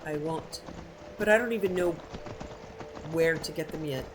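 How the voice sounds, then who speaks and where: A woman's voice: sits low, moderate pace, noisy background. A woman giving casual, chatty gameplay commentary, informally talking to herself as she plays. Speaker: game streamer. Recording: loud game ambience under voice.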